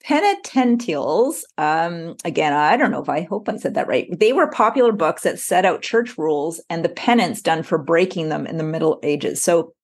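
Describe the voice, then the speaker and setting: A woman's voice: low voice, animated, normal speed, few pauses. A woman co-hosting a podcast in casual chat, reading history notes aloud with chatty asides. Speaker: podcast co-host.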